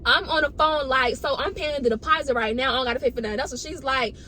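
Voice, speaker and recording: High-pitched, animated woman telling a story. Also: quick pace. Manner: animated, dramatic, slangy, repeats phrases for emphasis. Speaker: storytime vlogger. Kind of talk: casual chatty storytelling. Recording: noticeable background noise.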